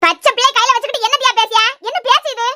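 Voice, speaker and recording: A voice actor playing a scolding older mother in a cartoon serial, with a Kanyakumari Tamil accent, loud and stern. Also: very high-pitched, fairly even intonation, rapid-fire, noisy background.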